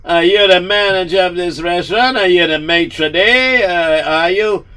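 A pompous, temperamental rich tycoon, as a man puts him on, his voice pitched high and pushed loud. He drags out his indignant exclamations with a haughty, demanding manner and a bright, sharp edge. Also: moderate pace, smooth, distant mic. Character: arrogant rich older man, boastful and temperamental.

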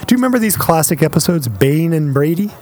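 A man co-hosting a casual, comedic podcast, playful and quick to laugh. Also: fairly high pitch, lively intonation, darkish tone. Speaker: podcast co-host.

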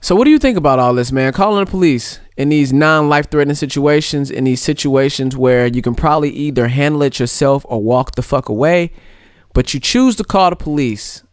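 A man in casual podcast banter, animated and argumentative, his voice jumping up when he pushes a point. The sound is dry and close. He laughs often between his lines. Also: on the high side, a little fast, clear, resonant tone, no echo. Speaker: podcast co-host.

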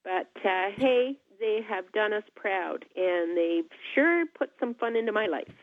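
A woman's voice: medium pitch, animated, unhurried, no room sound. An older woman calling a talk radio show over the phone, speaking earnestly and with enthusiasm. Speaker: caller. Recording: tinny dry phone line.

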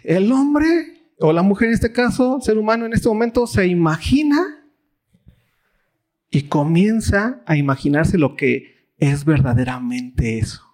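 Mexican pastor guy, kinda high voice, chatty bible study, keeps asking the crowd stuff. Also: animated, unhurried, a little mellow. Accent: Mexican Spanish. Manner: conversational, asks the audience rhetorical questions; acts out quoted voices with big pitch swings. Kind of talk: casual sermon.

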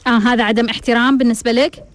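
A woman's voice: on the high side, steady tone, very fast. A woman hosting a call-in advice show as a counselor. She probes with pointed questions. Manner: probing, asks pointed questions. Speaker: family counselor and show host.

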